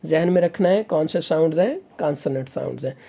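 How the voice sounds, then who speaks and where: A man's voice: fairly high pitch, animated, fast talker, creaky, warm tone. A man teaching an English grammar lesson, who keeps asking questions and answering them himself.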